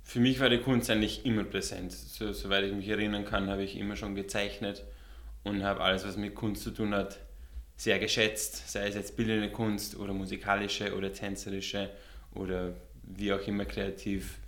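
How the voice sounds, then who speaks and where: A man's voice: lowish voice, little pitch movement, moderate pace, a bit bright, echoey room. A man in his thirties with an Austrian German accent tinged by American English, talking easily as a guest, often repeating words and laughing. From Austria and the USA. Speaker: guest, visual artist. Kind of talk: relaxed interview conversation.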